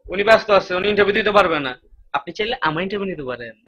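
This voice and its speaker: An actor playing a bossy, pompous rich young master of the house, who fires off questions in a Bangladeshi Bengali accent. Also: male voice, sits high, animated, racing, husky, highs cut off.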